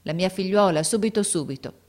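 A woman's voice: lowish voice, brisk, close to an everyday voice. A woman reading a story aloud, voicing an emotional, anxious father, a gardener who keeps exclaiming. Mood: eager. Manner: emotional, exclaiming, rising to near shouts. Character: anxious, overjoyed working-class father, a gardener.

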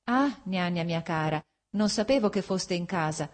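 A woman reading aloud voices a grieving mother, gentle and guilt-stricken, speaking tenderly to her son. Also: fairly low pitch, expressive, normal speed. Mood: tender sorrow. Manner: tender, sorrowful.

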